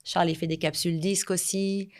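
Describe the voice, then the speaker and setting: A lower-voiced woman from France talks as a podcast guest. She explains in a lively, chatty way, walking through examples. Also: fairly quick. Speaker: entrepreneur guest. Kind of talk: casual interview.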